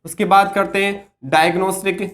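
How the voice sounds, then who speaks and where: A male nursing tutor, high-pitched with a level and fairly bright tone, gives a lecture geared toward exams. He keeps questioning and answering himself, and slows to stress key terms word by word.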